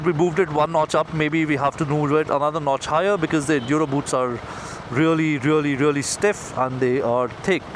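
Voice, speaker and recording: A man with an Indian accent giving casual motovlog commentary, speaking into his helmet as he rides a motorbike outdoors. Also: fairly high pitch. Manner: talking into his helmet while riding. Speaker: motorcycle reviewer. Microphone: mic inside helmet. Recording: noisy road and engine sound, helmet mic.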